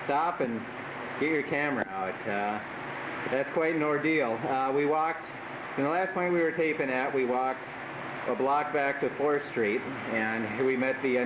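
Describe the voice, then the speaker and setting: A man giving casual, halting commentary on an exploration video, recorded with a cave echo in an underground tunnel. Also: mid-range voice. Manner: halting, trailing off mid-sentence. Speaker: expedition narrator filming the trip. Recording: echoey underground tunnel, clear background noise.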